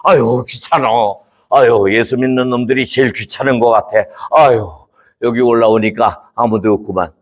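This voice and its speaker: A man voicing a greedy, stubborn rich man in a church puppet show, blustering and shouting when angered. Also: medium pitch, fairly even intonation, moderate pace, natural voice. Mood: scornful.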